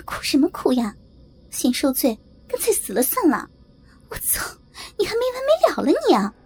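A woman voicing an enraged, hungry young man who yells and curses with his pitch leaping up. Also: very animated, moderate pace, a little hiss or hum. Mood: exasperated yelling. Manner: yelling, cursing, pitch leaping up. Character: furious starving young man lashing out.

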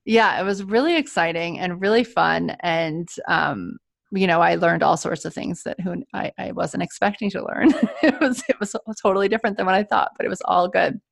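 A woman's voice: lowish voice, normal speed, vocal fry. A woman hosting a podcast in an upbeat, chatty and enthusiastic way. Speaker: podcast host. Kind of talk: casual interview chat.

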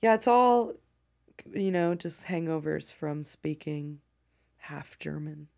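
A woman's voice: sits low, lively intonation, takes it slowly, gravelly, darkish tone. A woman with a Kentucky accent hosting a casual podcast chat, chatty and rambling, laughing often. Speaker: podcast host.

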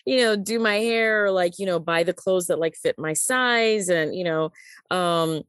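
A woman from the United States hosting a podcast interview, chatty and lively with many fillers. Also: fairly low pitch, measured pace, no echo, clean studio sound. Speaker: podcast host.

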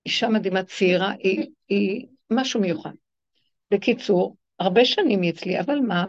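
A woman teacher gives a spiritual lecture to her class, her voice rough and gravelly. She talks emphatically and acts out the people in her stories. The recording is dull and lo-fi. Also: medium pitch. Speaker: religious teacher leading women's classes.

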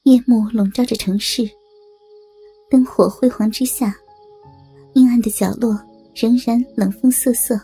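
A woman narrating an audiobook in a steady storytelling manner. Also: on the high side, unhurried, long pauses, breathy edge. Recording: dry close mic with faint music beneath.

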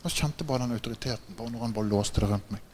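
A man preaching a sermon, telling stories with growing excitement, laughing often and checking in with listeners by asking "right?". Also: a little hiss or hum. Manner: gets louder and higher in excited passages. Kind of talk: sermon with animated storytelling.

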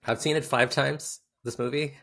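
A man's voice: mid-range voice, steady tone, normal speed, gravelly, fairly bright tone. A man talking casually in a film discussion, explaining his view and quoting dialogue in his own voice.

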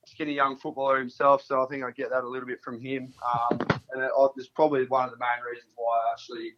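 A man's voice: mid-range voice, level tone, fast talker, fairly bright tone, lo-fi sound. A man in his early twenties from country Australia, with a laid-back, laconic Australian drawl, answering casually as a footballer in an interview. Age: early 20s.

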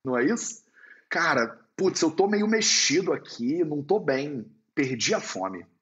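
A man answering viewers' questions on a live stream, with a slightly high voice and a pitch that rises and falls freely. He speaks like a slangy storyteller. The audio is muffled and lo-fi. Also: measured pace. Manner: animated storyteller, slangy and conversational. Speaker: Ayurveda teacher hosting a live stream. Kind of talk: casual live-stream Q&A talk. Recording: dull lo-fi sound.

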